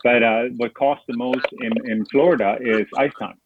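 A man's voice: medium pitch, steady tone, moderate pace. A middle-aged man from Sweden, chatting as a guest in an interview and rambling with many fillers and restarts. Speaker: guest, foundation founder. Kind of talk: casual interview over a call. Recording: tinny phone-like line with noise.

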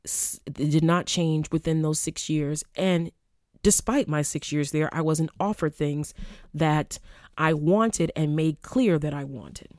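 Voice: medium pitch, measured pace, a little mellow, no room sound, clean studio sound. A podcast host talking casually on their own, rambling and chatty, with lots of filler words and restarts. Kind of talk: casual solo podcast monologue.

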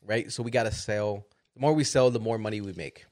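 A man's voice: lowish voice, brisk, darkish tone. A man co-hosting a podcast, chatting casually and laughing at his own jokes. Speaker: podcast co-host. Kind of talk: casual banter.

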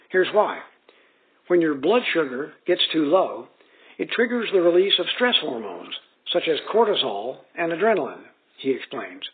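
Husky man reading articles, phone-like. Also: fairly high pitch. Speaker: article reader. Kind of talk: scripted narration. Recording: tinny phone-like sound.

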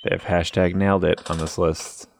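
A man's voice: sits low, little pitch movement, normal speed, gravelly, slight background noise. A laid-back man chatting casually as a podcast co-host, laughing along. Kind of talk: casual chat.

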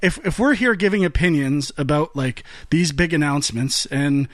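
A man's voice: fairly high pitch, normal speed, dry recording. A man co-hosting a gaming podcast, arguing in a fired-up, ranting way with stumbling restarts. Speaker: podcast co-host. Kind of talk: heated casual debate.

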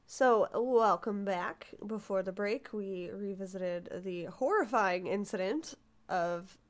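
Brief: woman podcast co-host, mid-pitch, casual and animated storytelling, stumbles and restarts. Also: slow pace. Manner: animated, stumbling, acts out quoted voices.

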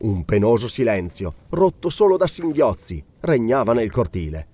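Expressive male audiobook narrator. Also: mid-range voice, moderate pace. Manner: expressive, varied storytelling.

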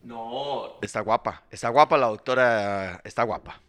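A man's voice: medium pitch, unhurried, a bit bright. A man with a Costa Rican accent co-hosting a casual talk show, throwing in teasing quips and jokes. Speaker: co-host. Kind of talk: casual chat.

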